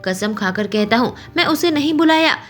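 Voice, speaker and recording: A woman's voice: sits high, animated, normal speed, fairly bright tone, faint music behind. A woman voicing a young husband who pleads and insists that his wife believe him. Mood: insistent.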